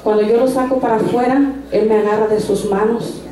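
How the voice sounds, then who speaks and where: A woman's voice: fairly high pitch, fairly even intonation, brisk, a crowd in the background. Earnest woman testifying in an echoey hall. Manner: earnest storytelling with frequent restarts. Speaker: church member giving a testimony. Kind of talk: personal faith testimony in Spanish. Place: church service hall. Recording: echoey room sound.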